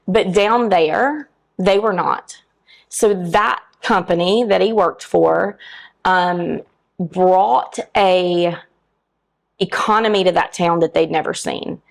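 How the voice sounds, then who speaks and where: A woman's voice: fairly low pitch, slow, gravelly, pauses often, rough recording. Frank woman telling a story. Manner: candid and frank, acts out quoted dialogue. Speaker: podcast guest. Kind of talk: personal storytelling in conversation.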